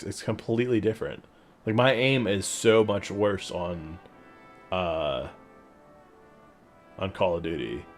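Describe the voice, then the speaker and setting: A young man chatting casually on a live game stream in slangy, profane, laid-back bro talk. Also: sits low. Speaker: teacher. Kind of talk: casual live stream chat while gaming.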